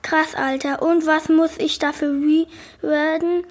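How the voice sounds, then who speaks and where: A slangy gamer kid from a storybook reading, as a woman voices him, high and bright. He answers back cheekily and lazily. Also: flat delivery, takes it slowly. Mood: cheeky. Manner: slangy, casual.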